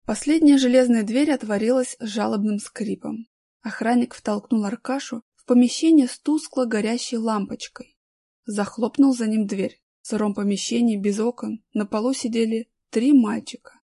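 A woman narrating a children's story in an expressive, lively way. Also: on the high side, moderate pace, no echo, clean studio sound.

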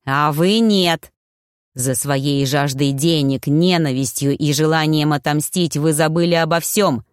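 A woman's voice: low voice, measured pace, clear, resonant tone, no room sound, studio quality. A woman reading an audiobook, voicing a sarcastic, defiant young man who mocks his family. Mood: angry. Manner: mocking, biting, scornful.

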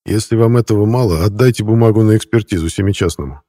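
A man's voice: fairly low pitch, fast, mellow, no echo, studio quality, natural voice. A man reading the lines of a young man from the future, earnest and explaining, prone to furious outbursts. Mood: explaining calmly.

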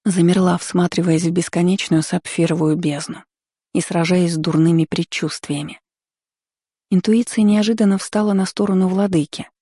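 A woman reading a fantasy novel aloud as a first-person audiobook narrator, in a measured, even storytelling manner. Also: on the low side, breathy edge, no room sound, clean studio sound.

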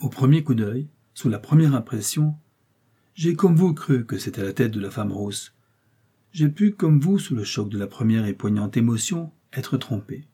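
A man's voice: medium pitch, animated, moderate pace, dark tone, breathy edge. A male audiobook reader voicing a confident detective chief who lays out his deductions insistently. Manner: emphatic, insistent explaining. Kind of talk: audiobook character reading.

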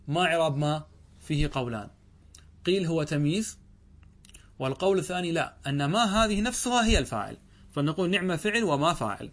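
A man teaching a grammar lesson. He reads lines of a text slowly, then explains them, often asking a question and answering it himself. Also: a little high.

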